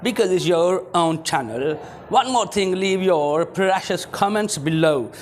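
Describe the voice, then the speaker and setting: A man with a Pakistani accent teaching a school English lesson, repeating each phrase slowly and reading English lines deliberately. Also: high-pitched, animated, a little hiss or hum. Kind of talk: exam-prep lesson for schoolchildren.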